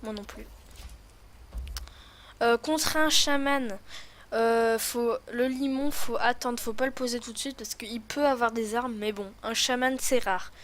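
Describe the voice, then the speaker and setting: A woman's voice: a little high, steady tone, a little slow. A woman with a lisp on her s sounds, rambling and thinking aloud in casual commentary as she hosts a gaming video.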